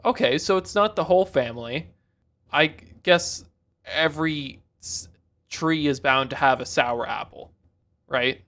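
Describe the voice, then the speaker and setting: A man's voice: a little high, measured pace, fairly bright tone. A man hosting a reaction video, chatting casually, rambling, cutting himself off and cracking jokes. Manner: rambling, self-interrupting, jokey.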